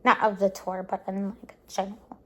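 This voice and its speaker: A woman talks to her camera at home in a loose, rambling vlog, piling on "like" and "um" as she gushes. She sounds tired, and her voice sits at a plain middle pitch. Every so often she sinks into a soft near-whisper before picking up again. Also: little pitch movement, moderate pace. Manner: gushing, many "like" and "um" fillers; soft, drops into quiet near-whispers at times. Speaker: vlogger. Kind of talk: casual recap vlog to camera.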